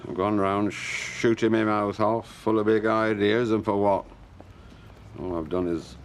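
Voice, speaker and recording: A man's voice: low-pitched, a little hiss or hum. An actor playing a pompous, self-dramatising older man with a northern English accent and florid phrasing in a TV soap. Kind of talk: TV soap dialogue.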